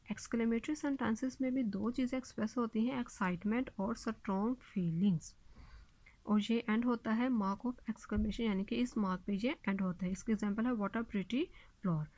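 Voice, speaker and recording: A woman teaching a recorded lesson. She reads the sentences slowly and deliberately, then explains them quickly in Hindi. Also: on the high side, darkish tone, no room sound, low-quality recording. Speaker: school English teacher.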